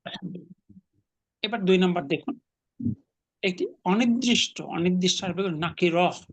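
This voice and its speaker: A man's voice: high voice, normal speed. A man teaching an Arabic class online, patiently explaining grammar and correcting his students' pronunciation.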